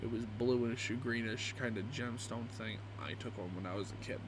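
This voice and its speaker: A man's voice: mid-range voice, normal speed, background noise. A young man reading aloud casually and gleefully, with crude, amused reactions, as a YouTube creator would. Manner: crude, joking, swearing.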